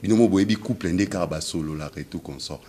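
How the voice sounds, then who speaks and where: A man's voice: sits low, fast talker, dark tone, slightly rough. A man with a Congolese French accent, a comedian telling a comic story, theatrical and repeating his catchphrase to the audience. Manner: theatrical, keeps repeating "mesdames et messieurs". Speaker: comedian, cultural host.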